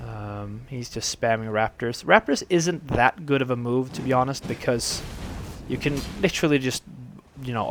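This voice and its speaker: Male gamer narrating duels, gravelly from a dry throat, loose and rambling, slight background noise. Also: medium pitch. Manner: rambling, relaxed, many fillers. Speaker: gameplay commentator. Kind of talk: casual game commentary.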